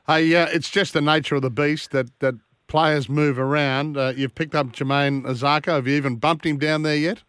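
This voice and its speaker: An Australian man with a fairly high voice hosts sports radio in a dry studio sound. He chats casually with guests and reads sponsor messages live. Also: fairly even intonation, normal speed, few pauses, fairly bright tone, smooth, dry recording.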